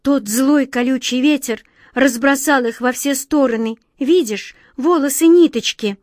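A woman's voice: high voice, measured pace, a little mellow, dry recording, studio quality, pitched above the performer's own voice. Woman playing a timid little girl. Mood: plaintive. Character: small gentle girl, timid and hopeful.

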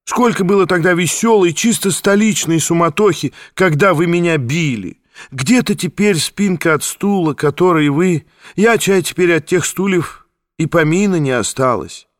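A man voicing an effusive, sentimental former card sharp, raised and excited in tone. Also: fairly high pitch, normal speed, dry recording, clean studio sound, pitched above the performer's own voice, natural voice. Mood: effusive nostalgic.

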